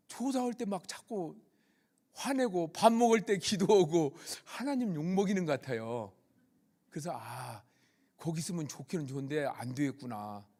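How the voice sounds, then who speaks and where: Animated high-voiced man giving church testimony. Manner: animated storytelling with questions to the audience. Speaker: police chaplain giving testimony.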